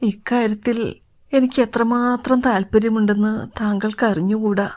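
Brief: woman narrator doing a frightened little man, trembling and pleading, fairly high voice. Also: flat delivery, moderate pace, darkish tone, natural voice. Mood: anxious.

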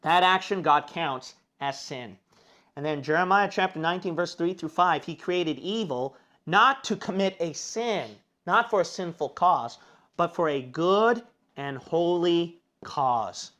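A man's voice: high-pitched, lively intonation, a little slow, sharp tone. Emphatic male preacher. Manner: emphatic, fires rhetorical questions at listeners; reads scripture aloud in King James wording. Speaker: Bible preacher. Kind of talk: sermon.

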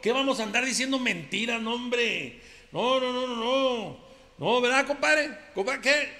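A man's voice: extremely high pitch, unhurried, bright, forceful tone, long reverb tail, pitched above the performer's own voice, full character voice. A Mexican man playing a boastful, henpecked macho ranchero who rambles through defensive denials. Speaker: comedian.

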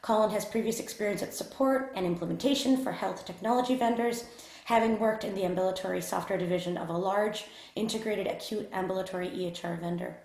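A woman's voice: mid-range voice, fast talker, darkish tone, reverberant. A woman hosting a webinar, introducing the speaker in a polite, formal way with frequent fillers. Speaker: webinar host.

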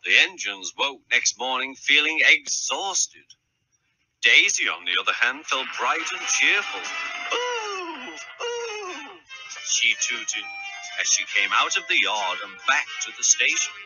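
A man narrating a storybook tale in an expressive, unhurried reading. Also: medium pitch, over music, low-quality recording.

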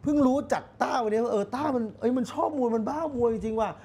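A man hosting a casual talk show, chatting bluntly with a guest and dropping many quick agreements. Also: extremely high pitch, vocal fry, darkish tone, slightly rough. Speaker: podcast host. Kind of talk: casual chat.

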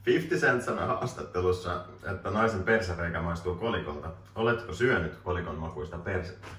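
A man's voice: low-pitched, lively intonation, fairly bright tone. A man in his twenties hosting a casual joking interview, laughing often and reading questions off a phone in a small room. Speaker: host asking questions. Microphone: camera mic from a distance. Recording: roomy distant camera audio, faint hiss.

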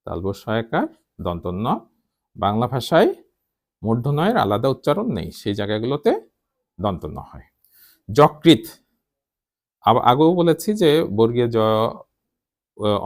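A man teaching a Bengali pronunciation lesson, sounding out words slowly syllable by syllable. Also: medium pitch. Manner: slow, deliberate syllable-by-syllable explanation.

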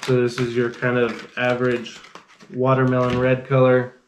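A man's voice: medium pitch, completely flat delivery, normal speed. Man, thirties, casual vlog host, rambling, echoey room, faint noise behind. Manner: laid-back, rambling, says "freaking" a lot. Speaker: fishing channel host. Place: small indoor gear room.

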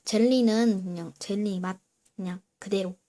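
A woman's voice: mid-range voice, fairly even intonation, moderate pace, dark tone. A woman hosting a casual eating video, chatting to viewers between bites of sour candy. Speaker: mukbang video host.

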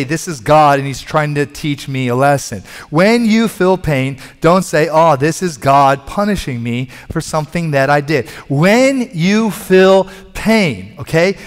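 A middle-aged man preaching a sermon from a church stage on a headset mic, with emphatic, repetitive phrasing that builds in force. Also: a little high. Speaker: pastor. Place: large church stage, indoors. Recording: long hall reverb.

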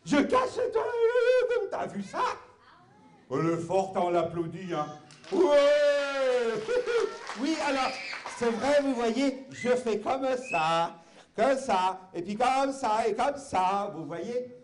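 A man with a high, animated voice takes things slowly while performing as a clown at a live children's show. He's playful and exaggerated, crying out and bantering with the kids. The echoey hall is noisy with the young audience clapping and chattering.

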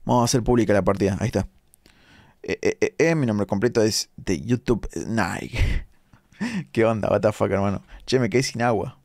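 A man's voice: lowish voice, darkish tone, dry recording. Chatty Argentine man live-streaming. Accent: Rioplatense Argentine Spanish. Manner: chatty, reads chat comments aloud, quick asides. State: tired late at night. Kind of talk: casual live-stream commentary reading chat.

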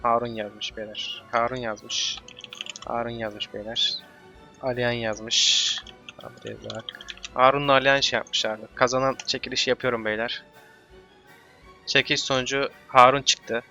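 A male gaming host with a gravelly, bright, edgy voice who keeps up a running let's play commentary, muttering the same words to himself over and over and now and then breaking into loud yells and curses. The sound is dull and lo-fi, with faint music underneath. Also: medium pitch, flat delivery, moderate pace. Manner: coaches himself, repeating words under his breath; sudden yelling and cursing outbursts.

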